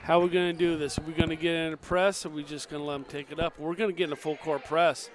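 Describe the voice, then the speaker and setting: A man doing partisan color commentary on a high school basketball game, urging the players on from the booth. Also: flat delivery, racing, noisy background.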